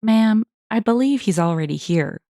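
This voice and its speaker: A woman's voice: mid-range voice, lively intonation, mellow, dry recording, studio quality, voice pushed up, natural voice. A woman voicing a businesslike police officer questioning people in a storybook tale. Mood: official. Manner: brisk and official.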